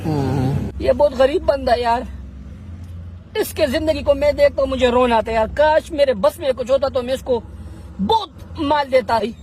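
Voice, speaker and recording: Man, street confrontation, pleading then stern, soft traffic noise behind. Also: extremely high pitch, animated, moderate pace. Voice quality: swings between pleading and scolding. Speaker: street questioner confronting a beggar.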